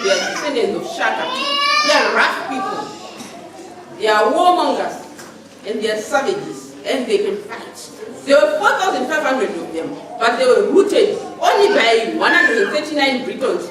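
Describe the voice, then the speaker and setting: A woman preaching a sermon in a church hall, animated and laughing often as she talks. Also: sits high, noisy background. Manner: animated, laughing often, acting out shouted commands. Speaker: lay preacher. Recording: echoey church hall, mic far off, congregation audible.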